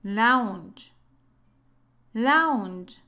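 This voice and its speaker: Woman, English teacher, pronunciation drill, slow deliberate delivery, repeats each word. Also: fairly high pitch, expressive, pushed and bright. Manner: slow, careful drilling of words twice. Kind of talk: pronunciation lesson.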